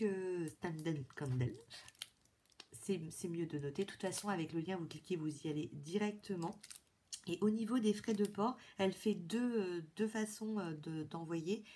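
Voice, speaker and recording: A woman's voice: medium pitch, normal speed, warm tone, slight background noise. A woman from France chatting enthusiastically through a haul video, full of fillers and restarts. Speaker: beauty vlogger.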